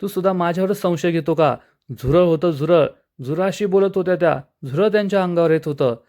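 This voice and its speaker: Man doing a flustered young husband, defensive, quick protests, a bit high. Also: a little mellow, close to an everyday voice. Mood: exasperated.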